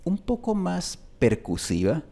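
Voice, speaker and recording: A man hosting a phonetics lesson as a teacher, speaking deliberately and repeating example words slowly to demonstrate their sounds. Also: a little high, wildly swooping pitch, creaky, dark tone. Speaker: Spanish pronunciation teacher and channel host.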